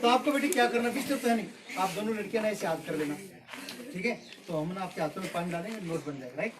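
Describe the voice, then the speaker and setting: A man's voice: sits high, expressive, quick pace, crowd noise. Distant, playful man, kids party magician. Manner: kids party magician: playful, teasing, asking the children questions. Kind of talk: live magic show patter for children. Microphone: far from the mouth. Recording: distant mic, noisy with clicks and birds.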